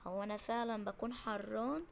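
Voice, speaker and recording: A woman with an Egyptian accent voicing a sick little boy in a game role-play, talking softly and meekly. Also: medium pitch, fast talker, creaky, a little hiss or hum, natural voice.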